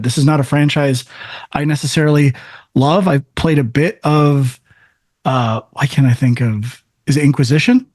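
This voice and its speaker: A man co-hosting a gaming podcast, leading the rundown in a halting, chatty way. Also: fairly high pitch, darkish tone, no room sound. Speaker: podcast co-host. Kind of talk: casual chat.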